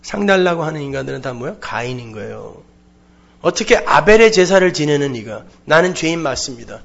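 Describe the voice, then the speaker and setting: A male preacher with a high-pitched voice delivers a dramatic sermon, sinking into hushed low asides and then rising into forceful emphasis. He acts out dialogue as he goes. The recording sounds dull and lo-fi. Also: very animated, brisk, creaky. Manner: acts out quoted speech of God and Cain. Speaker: pastor.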